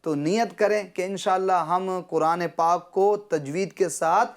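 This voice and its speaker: A man teaching children Quran pronunciation, patiently checking understanding and drawing out syllables slowly when he models them. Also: high voice, steady tone. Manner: patient, repeats "theek hai?" to check understanding. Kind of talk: children's Quran recitation lesson.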